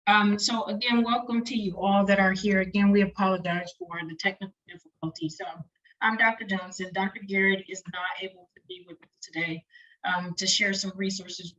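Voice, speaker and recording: A woman gives an online lecture with a bright, forward tone. She talks fast and chatty, speaking into a computer mic on a video call. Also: medium pitch, lo-fi sound. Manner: rapid, chatty, friendly lecturing. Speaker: webinar presenter for doctoral students.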